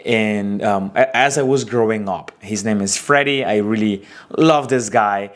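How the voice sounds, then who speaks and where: In a relaxed talking-head video, a twentysomething Aruban-accented man who shoots weddings recounts his journey and offers business tips. His delivery is unhurried but lively and expressive, with big swings in pitch.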